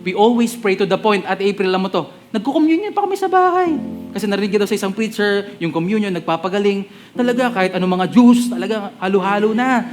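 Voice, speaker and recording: High-voiced man preaching over guitar. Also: animated, quick pace. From Philippines. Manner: switches between Tagalog and English mid-sentence; chatty, jokes with the congregation. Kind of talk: sermon.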